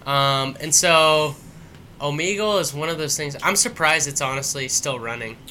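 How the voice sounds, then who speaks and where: Bright-voiced laid-back man. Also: on the high side, moderate pace, a little hiss or hum. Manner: laid-back, lots of fillers, easy laughs, agreeable. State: tipsy. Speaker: podcast co-host. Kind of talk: casual chat.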